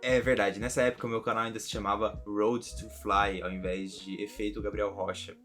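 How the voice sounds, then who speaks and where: A young man from Brazil with a Brazilian Portuguese accent, talking casually in a reaction vlog, chatty and quick to laugh. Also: on the low side, flat delivery, a bit bright, soft background music. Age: young adult. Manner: chatty, laughs often, repeats himself. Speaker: vlogger.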